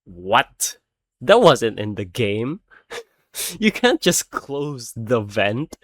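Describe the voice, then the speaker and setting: A man's voice: mid-range voice, big pitch swings, drawn-out words, no room sound, clean studio sound. A man, not a native English speaker, animatedly retelling a film's plot in a casual rant, swearing often and laughing as he talks. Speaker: video creator reviewing a film.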